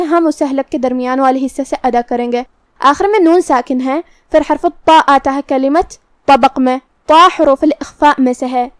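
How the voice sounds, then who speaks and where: High-voiced woman teaching methodically. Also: dry recording. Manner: calm, methodical, explains each letter slowly. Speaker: Quran recitation teacher. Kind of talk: step-by-step tajweed lesson.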